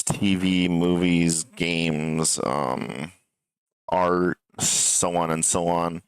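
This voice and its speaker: Deep and smooth, this man's voice comes through a dry recording with poor audio quality. As a streamer responding to gaming news, he meanders hesitantly and repetitively, swearing in a casual way.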